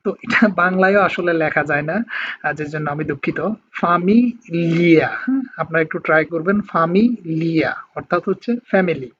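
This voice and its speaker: A man teaching a language lesson online, patiently explaining sounds and stretching out example words slowly. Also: on the high side, a bit bright. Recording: dull lo-fi sound with faint noise.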